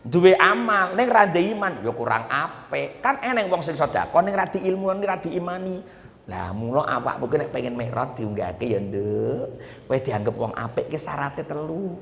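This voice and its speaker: A man's voice: fairly high pitch, big pitch swings, normal speed, gravelly, fairly bright tone, big-room sound, a little hiss or hum. A man with a Javanese accent giving a humorous Islamic sermon at a boarding school, teasing the audience as he preaches. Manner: jokey, teasing the audience, mixing Javanese and Indonesian.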